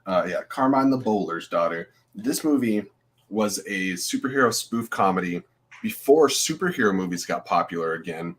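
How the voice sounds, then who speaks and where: A man with a very deep, low voice co-hosts a casual podcast. He rambles easily and loosely, dropping plenty of filler uhs as he goes. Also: lively intonation, moderate pace. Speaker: co-host.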